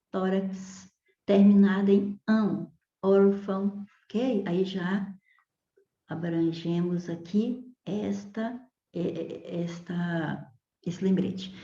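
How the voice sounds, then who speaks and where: A woman's voice: lowish voice, mellow. A Brazilian woman teaching a grammar lesson, explaining step by step and checking in with her students. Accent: Brazilian Portuguese. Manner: explains slowly, checks with "ok?" and "certo?". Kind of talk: exam-prep grammar lesson. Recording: echoey room, slightly dull audio.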